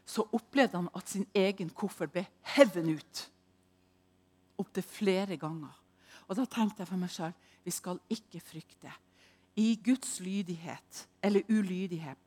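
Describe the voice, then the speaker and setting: A woman preaching a sermon, telling a personal story dramatically and moving between hushed and loud delivery. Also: on the low side.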